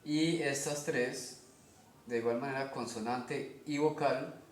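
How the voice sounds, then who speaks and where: A man with a Colombian Spanish accent teaching a language lesson, explaining slowly step by step and often checking in with his listeners. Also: mid-range voice, steady tone, slight background noise. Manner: slow, methodical, checks in with "¿ok?". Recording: echoey room.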